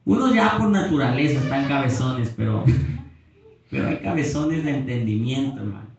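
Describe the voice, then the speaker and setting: A man preaching a Pentecostal sermon, emphatic, rising to near-shouting when he reads Scripture, recorded on a phone from the back of a church. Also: mid-range voice, expressive, moderate pace, vocal fry, lo-fi sound. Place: church hall. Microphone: phone camera at a distance. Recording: echoey church, phone from far off.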